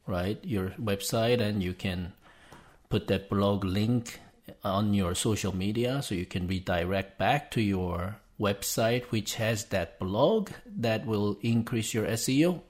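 Speaking slowly in a lowish, slightly mellow voice, this podcast host narrates each click of a relaxed step-by-step screen-share tutorial. His first language is Korean.

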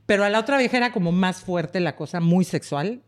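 A woman's voice: on the low side, a little fast. Woman in her middle years telling a story, acts out the bits, casual chat with friends. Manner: animated storytelling, acting out quoted dialogue. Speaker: storyteller guest.

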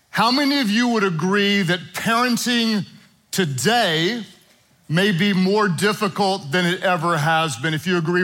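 A middle-aged pastor preaches in a church auditorium, his voice high and bright. He tells family stories in an animated, playfully humorous way and talks straight to his congregation. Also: low-quality recording. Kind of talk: sermon to a live and online congregation.

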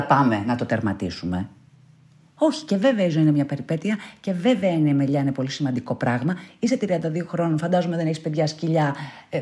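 An outspoken woman speaks candidly as she answers a reader's letter. Her talk is casual, with a stray curse here and there. Her pitch leaps and dives wildly. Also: mellow. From Greece. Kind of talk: casual spoken advice monologue.

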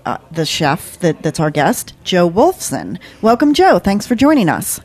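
A woman's voice: fairly low pitch, big pitch swings, a little slow, breathy edge. A woman from Connecticut co-hosting a garden radio show, chatty and loose, with many asides. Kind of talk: casual radio talk.

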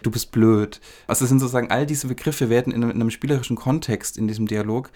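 A man talking about a film in a measured, analytical way, building long sentences with small fillers. His voice sits at a middle pitch. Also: a little mellow. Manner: thoughtful, elaborate sentences with fillers. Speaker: film discussion co-host. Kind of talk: analytical conversational talk.

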